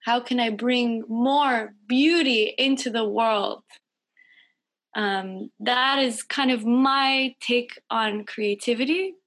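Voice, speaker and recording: Over a video call with lo-fi audio, an American woman in her thirties, a guest musician, answers interview questions. Her voice sits on the high side and sounds a bit bright, and she speaks slowly, thoughtfully, as if searching for her words.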